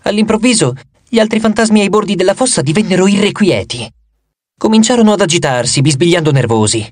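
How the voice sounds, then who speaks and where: A man narrating an audiobook in an expressive first-person storytelling manner. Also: high-pitched, quick pace, no echo.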